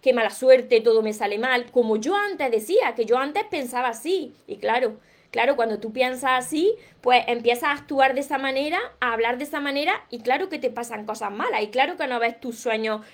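Woman, Peninsular Spanish accent, high voice, earnest motivational live chat, clears throat often. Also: animated, brisk. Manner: earnest, encouraging, reads viewer comments aloud. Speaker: livestream host, self-help speaker.

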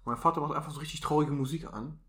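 A man's voice: on the high side, steady tone, rapid-fire, fairly bright tone. A young man from a Turkish family background, co-hosting a casual podcast chat, slangy and joking, laughing often. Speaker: podcast co-host.

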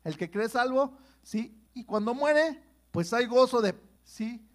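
A man's voice: very high-pitched, expressive, measured pace. A man preaching a sermon in a conversational way, often checking in with his listeners. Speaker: pastor.

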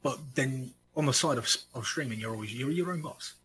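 Ein Mann aus England mit englischem Akzent, der selbstironisch und verspielt im Podcast plaudert. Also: male voice, medium pitch, fairly quick, fairly bright tone, slight background noise. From United Kingdom. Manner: self-mocking and playful. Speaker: podcast co-host and streamer. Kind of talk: casual podcast chat.

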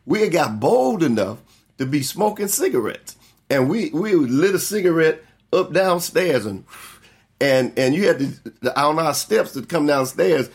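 A man's voice: on the high side, husky. Middle-aged pastor, man, teaching a Bible study through homespun stories, voices the people he quotes. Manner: folksy storytelling, acts out quoted relatives.

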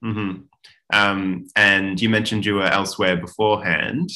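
A man's voice: sits low, level tone, a little slow, bright, forceful tone. A man hosting a podcast interview, encouraging his guest with frequent mm-hmms and ums. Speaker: podcast host.

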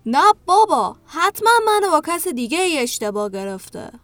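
Dude doing a high kiddy boy voice, a bit awkward, storybook, strange thin tone. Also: big pitch swings, a bit bright, no room sound, soft background music, full character voice. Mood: boyish. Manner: high boyish put-on voice. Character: young boy, embarrassed and evasive. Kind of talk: storybook voice acting.

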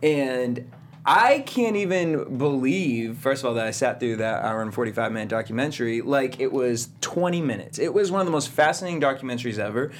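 A man's voice: mid-range voice, brisk. A man from Massachusetts co-hosting a casual panel talk show, telling stories and acting out quotes. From Massachusetts, USA. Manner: animated storyteller, acts out quotes. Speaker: co-host. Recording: faint background noise.

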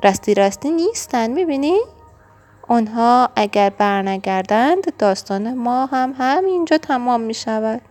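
A woman reading a children's storybook aloud, expressive and engaging, speaking to the young listener. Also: on the high side, faint music behind. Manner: warm, expressive and engaging, asks the listener questions.

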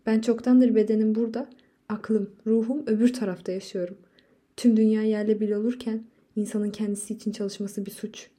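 Woman voicing a worn-out male artist, despairing, dark and mellow delivery. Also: mid-range voice, level tone, fairly quick, husky, natural voice. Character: anguished adult male painter, weary, desperate.

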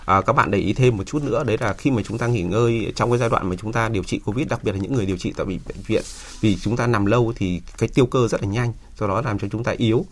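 A man's voice: lowish voice, fast, hardly any pauses. A man speaking as an expert doctor, explaining health advice step by step with hesitant starts.

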